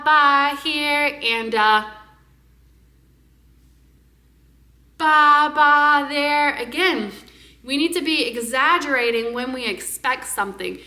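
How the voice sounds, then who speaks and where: Bright, high-voiced woman teaching parents. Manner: lively, exaggerated singing of nursery songs. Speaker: speech-language pathologist. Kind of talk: parenting tips with sung demonstrations. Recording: echoey room.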